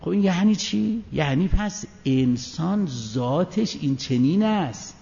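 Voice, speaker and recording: A man delivers a religious lecture in a fairly high voice, his pitch leaping about as he fires rhetorical questions at his listeners. His delivery swings between loud bursts and soft asides. The sound is dull and lo-fi, with a long reverb trailing off his words. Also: animated, gravelly. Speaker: preacher. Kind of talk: Quranic exegesis lecture.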